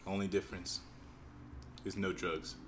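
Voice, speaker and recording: Slangy bro dude, kinda low voice, crude podcast banter, noisy garage recording. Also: male voice, little pitch movement, normal speed. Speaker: returning guest and former co-host. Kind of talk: casual, crude joking banter. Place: in his own garage.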